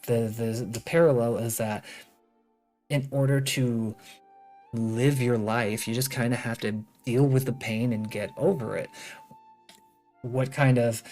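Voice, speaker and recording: With game music playing behind him, a streamer rambles through casual live commentary, thinking out loud and tossing in opinionated, sarcastic asides. His voice sits at a medium pitch.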